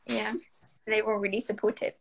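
A young Welsh-accented woman from South Wales, an actress guest, answers interview questions casually over a laptop webcam video call from a small, bright room. Her mid-range voice is level, creaky and breathy-edged at a moderate pace, thoughtful and full of fillers and hedges, on poor audio.

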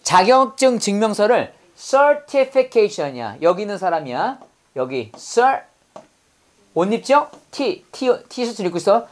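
A woman's voice: mid-range voice, very animated, slow. A woman teaching English vocabulary in class, drilling students with call-and-repeat prompts and playful memory tricks.

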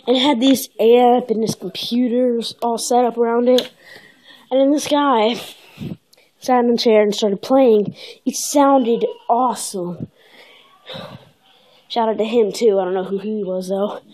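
Woman vlogger, fairly high voice, chatty and loose, lots of ums. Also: mellow. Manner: rambling, upbeat, lots of fillers. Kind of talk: casual vlog chat.

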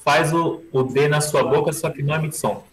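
A man's voice: fairly high pitch, steady tone, moderate pace, a crowd in the background, rough recording. A man teaching English in an online lesson, patiently repeating each word and phrase for his students over a video call.

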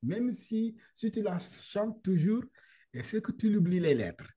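A man's voice: high-pitched, sing-song, a little slow, warm tone, slightly rough. A man teaching how to read the Quran over a video call. He talks casually, laughs often, repeats syllables and slips into English. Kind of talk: casual online lesson.

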